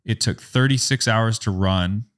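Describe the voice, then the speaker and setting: A young man, a photographer, telling a story in a casual podcast interview, rambling and animated, with a lot of "like" and acted-out quotes. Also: lowish voice, unhurried. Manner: animated, rambling, heavy use of "like", acts out quotes. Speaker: photographer and business owner, podcast guest.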